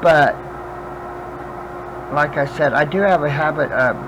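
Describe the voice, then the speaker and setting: A man with toothless, slurred speech, chatting casually and haltingly as he demonstrates a craft, thinking aloud while he works. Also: fairly high pitch, noisy background. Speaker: craft vlogger demonstrating wood burning. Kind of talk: casual chat while working.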